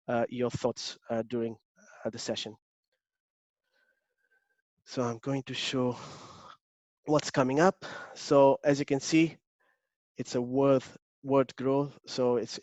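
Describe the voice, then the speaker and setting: Speaking over a video call, this man from Portugal runs an online workshop as an agile coach; his Portuguese accent comes through as he hesitates, restarts, and fills gaps with fillers. The recording is dry, and his mid-range voice carries a darkish tone.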